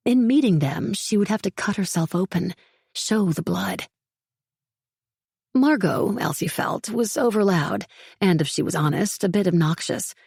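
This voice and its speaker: A woman's voice: lowish voice, gravelly, darkish tone, husky, dry recording, studio quality. Woman narrating a thriller audiobook.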